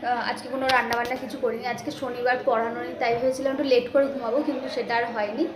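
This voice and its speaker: A young woman, hoarse from a cold, chatting casually through her daily vlog. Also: on the high side, little pitch movement, racing. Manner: chatty, breezy running commentary. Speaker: vlogger. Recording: noisy home and street ambience.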